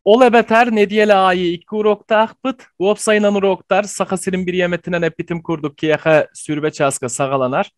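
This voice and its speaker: A man giving an online language lesson, explaining slowly with frequent pauses and fillers. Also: high voice, steady tone, dry recording. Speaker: language teacher.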